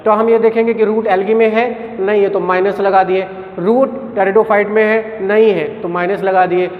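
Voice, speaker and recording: A man's voice: sits high, steady tone, normal speed. A male biology teacher giving a classroom lecture with an Indian English accent, often asking a question and answering it himself. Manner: asks questions and answers them, calls students "beta". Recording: echoey hall on a tinny lo-fi line.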